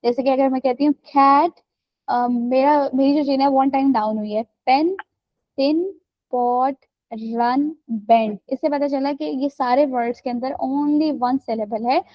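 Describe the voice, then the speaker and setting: A woman's voice: sits high, steady tone, normal speed, no room sound, lo-fi sound. A woman teaching an English class online, explaining step by step and checking that students follow. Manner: explains step by step, checks understanding with "right?" and "theek hai".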